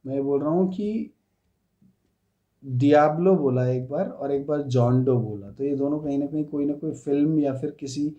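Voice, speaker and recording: A young man from India co-hosting a reaction video, chatting casually and mixing Hindi with English in a relaxed, thoughtful way. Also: on the high side, moderate pace, lo-fi sound.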